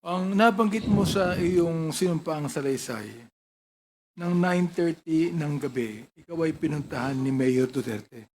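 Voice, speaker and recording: A man with a fairly high voice questions a witness at a formal hearing. He presses his points and probes for answers. It sounds like a hearing room. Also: measured pace, a little mellow.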